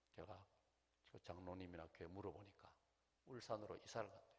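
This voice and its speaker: A man's voice: on the low side, creaky. A middle-aged man with a Gyeongsang accent, preaching a revival sermon. He tells a story animatedly, acts out the people in it and puts questions to the congregation. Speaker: pastor. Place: large church sanctuary. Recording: long hall reverb in a church.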